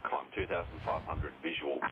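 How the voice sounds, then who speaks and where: A man's voice: very deep voice, steady tone. A man with an Australian accent giving terse air traffic control calls as a tower controller, heard over a fuzzy, distorted radio transmission. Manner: rapid, terse radio phraseology. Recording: noisy distorted radio feed, muffled.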